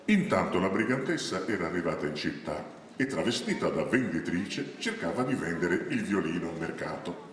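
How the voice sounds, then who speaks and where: Animated male storyteller in an echoing hall. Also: low-pitched, normal speed. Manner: animated, theatrical. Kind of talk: storytelling with sung rhymes. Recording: echoey hall, distant mic, faint music.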